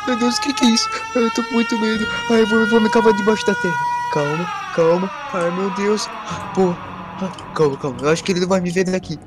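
A man's voice: sits high, fast talker. A young Brazilian man playing a game who yelps and whines in a frantic way and keeps repeating himself. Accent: Brazilian Portuguese. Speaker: gaming guest. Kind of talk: panicked gameplay role-play. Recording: background music under voice.

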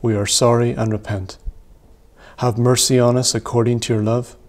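A man in his thirties leading worship as a priest, reading prayers in a measured, solemn way in a small church room. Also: medium pitch, flat delivery, a little mellow. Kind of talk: liturgical reading.

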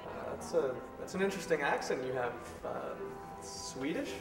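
A man's voice: a little high, animated, normal speed, close to an everyday voice. A man playing an awkward, hesitant young student who is a superfan. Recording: echoey room, mic far off. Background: background music.

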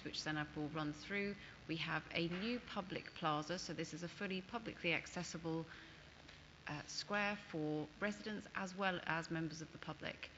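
A woman gives a formal presentation. The sound is muffled, with clear background noise. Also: deep voice. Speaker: planning officer presenting. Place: large council chamber.

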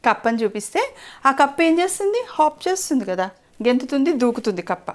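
A woman, a mother, telling a children's story in a playful, sing-song, animated way. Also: high voice, a little fast.

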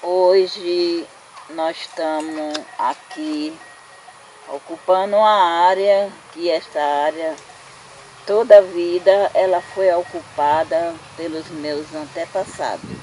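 A woman speaks as a village leader in a very slow, measured way. Her voice is somewhat low. She was recorded outdoors in a shaded clearing for a documentary, with faint ambience behind her. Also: fairly even intonation, a little mellow, slight background noise, low-quality recording. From Ceará, Brazil. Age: 60s. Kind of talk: documentary interview.

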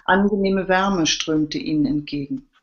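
A woman, the author, reading her crime novel aloud live in a steady narrating voice. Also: low voice, unhurried, highs cut off.

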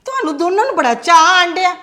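A woman playing a sharp-tongued mother who scolds her sons and scorns her elderly in-laws in a family drama. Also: very high-pitched, sing-song, quick pace, full character voice. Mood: scolding. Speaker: mother and daughter-in-law.

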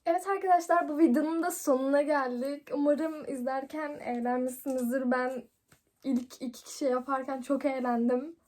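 A woman's voice: high-pitched, steady tone, normal speed, darkish tone. A young woman hosting a video and chatting casually to viewers. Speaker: prank video host. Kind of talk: casual vlog chat.

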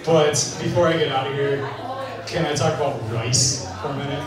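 Young guy doing deadpan standup, kinda high voice, boomy bar echo from far back. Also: normal speed. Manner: deadpan, dry delivery. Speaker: stand-up comedian. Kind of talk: stand-up set. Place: bar stage with a live audience. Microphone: handheld mic, filmed from far in the crowd. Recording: echoey bar sound from far off, crowd laughter.

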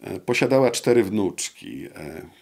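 A man in his sixties, an interview guest, explaining history at a measured pace with many hesitant fillers, recorded on a lapel mic in a studio room. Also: lowish voice, sing-song, darkish tone, breathy edge. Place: wood-panelled studio room with brick wall.

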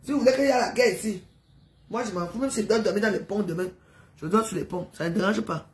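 A woman's voice: mid-range voice, fast, reverberant. A woman, a widow, ranting emphatically about her neighbors from her home, repeating herself and throwing in tag questions. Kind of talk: emotional monologue. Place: at home in an apartment building.

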